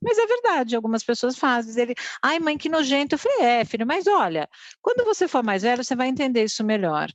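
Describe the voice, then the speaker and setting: A middle-aged woman sex therapist chats on a podcast and tells stories in an animated way, acting out her son's lines. Her voice sits fairly high. The sound is dry and close. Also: fast talker, no echo, dull audio. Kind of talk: casual podcast chat.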